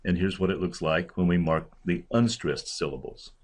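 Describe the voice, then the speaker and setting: Male lecturer, low voice, measured academic delivery with slow deliberate verse readings. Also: steady tone. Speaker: literature professor. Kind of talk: recorded lecture.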